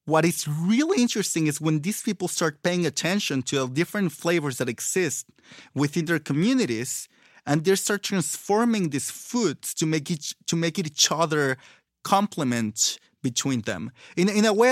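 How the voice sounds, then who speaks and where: A man's voice: fairly high pitch, lively intonation, moderate pace, no room sound. Mexican-accented man explaining in Spanglish-tinged English, close and dry. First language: Spanish. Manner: Spanglish, English with Spanish-influenced words and pronunciation. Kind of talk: casual conversational explanation.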